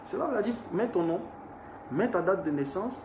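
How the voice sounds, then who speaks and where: A man from Ivory Coast, a musician recounting an incident in a lively, casual interview. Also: high voice, a little fast. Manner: animated storyteller, laughs while recounting. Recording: echoey room with background noise.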